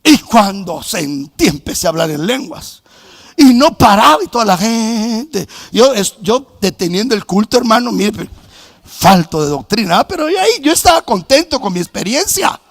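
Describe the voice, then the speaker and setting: A middle-aged man from preaching a sermon as a pastor, telling his own story with quoted dialogue and bursts of shouting. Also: high voice, sing-song, normal speed, no echo. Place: church sanctuary.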